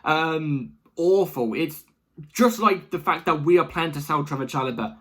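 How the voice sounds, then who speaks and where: A man giving casual, animated opinion commentary as the host of a football fan channel, rambling and repeating himself for emphasis. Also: a little high, moderate pace.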